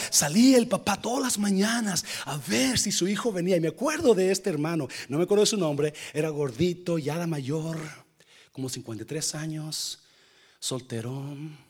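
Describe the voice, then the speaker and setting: Male preacher, lively sermon, husky voice, high and animated, mixes in english phrases. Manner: animated, swings from quiet asides to loud exclamations.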